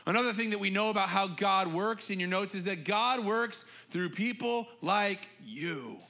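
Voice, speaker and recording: A man in his thirties, a pastor preaching a sermon on a church stage into a handheld mic, animated and conversational. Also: high-pitched, normal speed, creaky, faint music behind. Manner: animated, gesturing while preaching; conversational, repeats words when restarting. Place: church stage with big screen.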